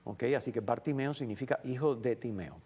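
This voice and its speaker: A man reflecting on the Sunday gospel in a relaxed conversational way, with many fillers and acted-out quotes. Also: mid-range voice, fairly quick, slightly rough. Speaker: guest commentator on the Sunday gospel. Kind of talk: casual Bible reflection.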